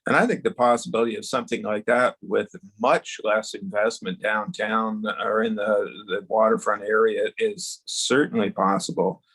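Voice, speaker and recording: A town councilor, a man, speaking slowly in a council meeting over a video call whose audio glitches and breaks up. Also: lowish voice, fairly even intonation, a bit bright, husky, low-quality recording. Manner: slow, plain-spoken and level, with many fillers. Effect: glitchy video-call audio that breaks up and pauses.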